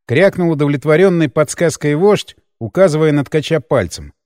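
Man, first-person audiobook narration, ironic, animated, slightly high, dry close sound. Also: normal speed, dry recording. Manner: lively, ironic storytelling, hero's lines shouted up.

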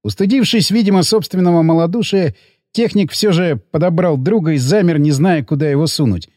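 A man narrating an audiobook in a gruff, coarse first-person voice. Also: on the high side, fairly quick, a little mellow, no echo, studio quality.

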